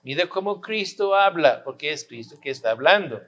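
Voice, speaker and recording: A man's voice: a little high, lively intonation, moderate pace, fairly bright tone, dull audio. A pastor preaching a sermon, pressing his listeners with rhetorical questions and repeating his points for emphasis.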